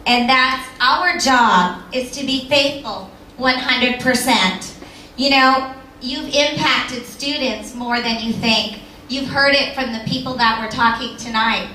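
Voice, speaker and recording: A woman's voice: sits high, sharp tone, echoey room, distant mic, slight background noise, low-quality recording. A woman giving an inspirational banquet speech, telling a story and asking the audience rhetorical questions. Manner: storytelling, reads verse aloud with rhythm. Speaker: banquet speaker. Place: banquet hall.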